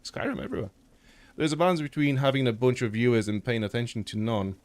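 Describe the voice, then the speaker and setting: A young Polish man with a mid-range voice chats quickly and casually while streaming a game. He rambles, swears a lot, and keeps using fillers and restarting his sentences. His nose sounds a little blocked.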